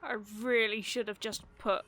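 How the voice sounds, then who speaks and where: High, bright woman doing game commentary. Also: fairly even intonation, moderate pace, faint music behind. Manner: sarcastic, swearing asides. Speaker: video game player. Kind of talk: casual let's play commentary.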